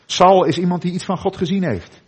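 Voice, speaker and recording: A middle-aged man preaching a sermon in a church, earnest, with dramatic pauses and endings that drop soft. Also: high-pitched, slightly rough.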